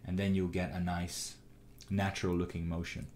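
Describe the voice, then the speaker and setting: Man, animation instructor, low voice, calm encouraging critique, lots of fillers. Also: normal speed, a little hiss or hum. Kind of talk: recorded critique of student work.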